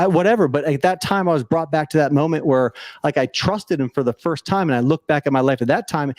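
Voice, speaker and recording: A man's voice: mid-range voice, darkish tone, no room sound, studio quality. A man telling a personal story on a casual podcast, earnest and rambling, with frequent restarts.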